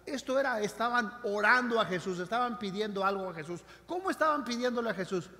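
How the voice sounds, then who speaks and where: A male pastor preaching a sermon, swinging between loud emphasis and quiet, intimate lines. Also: high-pitched, fast talker, big-room sound. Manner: animated preaching with dramatic swings in loudness. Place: church sanctuary.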